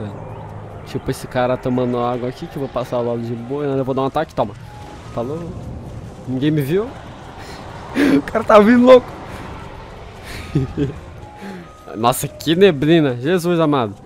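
A young Brazilian man giving casual gameplay commentary, playful, laughing often and breaking into shrill panicked yelps. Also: fairly quick, darkish tone, soft background music. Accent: Brazilian Portuguese. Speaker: gaming YouTuber.

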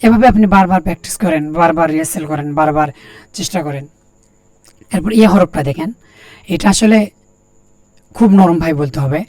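A man teaching Quran letter pronunciation, saying each sound again and again slowly and telling learners to copy him. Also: fairly high pitch, a little mellow, dry recording. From Bangladesh. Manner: repeats each letter sound several times, slow and deliberate; talks directly to learners, plain and encouraging. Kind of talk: recorded lesson on Arabic letter pronunciation.

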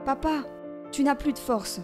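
A woman's voice: a little slow, over music. A woman doing Adèle, a brave little girl. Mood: earnest. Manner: high, bright, earnest. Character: young girl, brave and kind.

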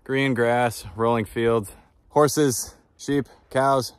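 Here the travel vlogger, a man in his thirties, strolls a countryside footpath and muses casually into his phone held at arm's length. His medium-pitched voice moves very slowly with fairly even intonation, and the tone is clean, with no room sound and studio quality.

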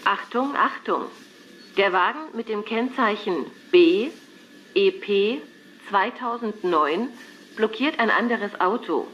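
A woman acting a formal public-address announcer, reading scripted announcements clearly. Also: mid-range voice, lively intonation, slow, muffled recording, background noise. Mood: formal, alerting.

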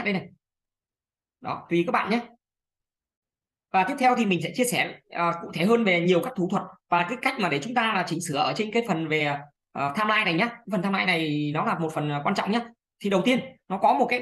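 Brisk woman tutor, walking viewers through software on screen, chatty with fillers. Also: medium pitch. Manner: chatty, fillers, many "đây này" pointers. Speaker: video editing tutor.

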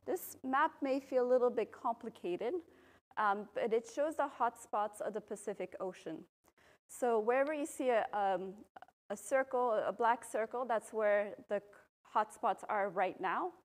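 A volcanologist from Belgium giving a public talk, a woman explaining at a podium microphone in a university lecture room, relaxed, with frequent ums. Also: fairly high pitch, measured pace. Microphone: podium microphone, filmed from a far camera.

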